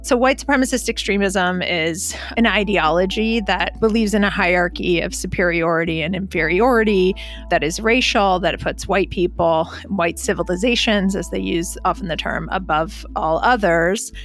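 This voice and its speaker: A woman answering as an expert guest in a clear, explanatory way. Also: on the low side, normal speed, faint music behind. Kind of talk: interview answers.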